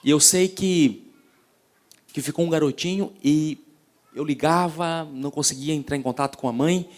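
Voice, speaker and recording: Emphatic preacher, loud then hushed. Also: male voice, fairly high pitch, moderate pace. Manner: repeats and restarts phrases. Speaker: pastor. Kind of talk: sermon.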